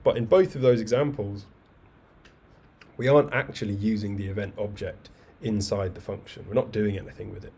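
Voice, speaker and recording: A man teaching a live online coding class, explaining step by step in a relaxed, chatty way with asides and fillers. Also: on the low side, brisk, breathy edge. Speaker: coding bootcamp instructor. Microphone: webcam video call mic. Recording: faint background noise.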